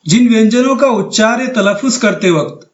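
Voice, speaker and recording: A man's voice: high-pitched, animated, moderate pace, roomy sound, muffled recording. A man teaching a grammar lesson over slides, patient and methodical, repeating each term with synonyms.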